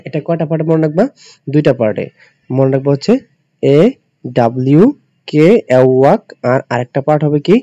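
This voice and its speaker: A man's voice: on the high side, fast talker, pauses often, dark tone, dry recording. A male teacher from Bangladesh giving an English spelling lesson. He explains step by step, spells out letters and keeps asking his students questions. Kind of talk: classroom-style lesson for admission students. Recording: dull, dry lo-fi recording.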